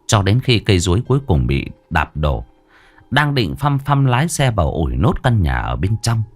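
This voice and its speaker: A male storyteller reads a ghost story dramatically. His voice sits low but rises and falls widely through each sentence. Faint music plays underneath. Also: normal speed. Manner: dramatic, expressive.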